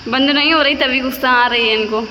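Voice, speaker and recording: A woman's voice: high voice, a little fast, big-room sound, heavy background noise. A woman casually narrating a home vlog of her toddler, chatting to viewers and cooing at the baby. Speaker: vlogger filming her toddler. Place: home, indoors.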